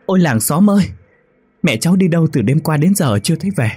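A man voicing a scheming young woman who loudly and theatrically fakes distress. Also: on the high side, animated, fast, breathy edge, no room sound, pitched above the performer's own voice. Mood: fake wailing. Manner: loud, theatrical wailing.

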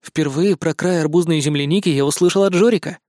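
A man's voice: on the high side, fast, darkish tone, no echo, natural voice. Earnest schoolboy voiced by a man; plain, close to the reader's own voice. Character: honest fifth-grade boy.

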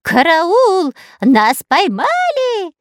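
A woman's voice: a little high, slow, creaky, mellow, no echo, clean studio sound, pitched above the performer's own voice. A woman voicing a cowardly, nasal male spy in a storybook, whining and scared. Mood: panicked.

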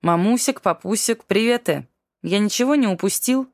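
A carefree, boyish lad of twenty, as a woman narrator puts him on. His voice is raised and bright, and he talks in a cheeky, breezy way. The recording is dry and close. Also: medium pitch, normal speed, dry recording, voice pushed up, lightly acted. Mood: cheerful.

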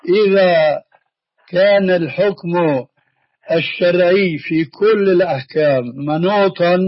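A man with a high voice answers callers' religious questions in a firm, probing manner. The sound is dry and close. It is muffled and lo-fi, like an old recording. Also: slow pace, dry recording. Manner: firm, presses with pointed questions.

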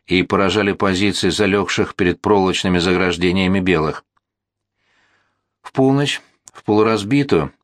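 A man narrating a historical novel as an audiobook, in a measured, steady storytelling manner. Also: low-pitched, dry recording, clean studio sound.

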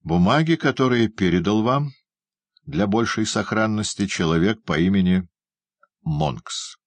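A man voicing a grave, insistent older gentleman who speaks solemnly and slowly. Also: on the low side, no echo, pitched above the performer's own voice. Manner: solemn, measured. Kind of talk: audiobook character voice.

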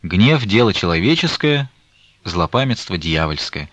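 Guy doing a stern old merchant dad, grieving, reproachful, lowish voice, storybook reading. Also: very animated, fairly bright tone, no echo, full character voice. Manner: stern, reproachful, slow and weighty.

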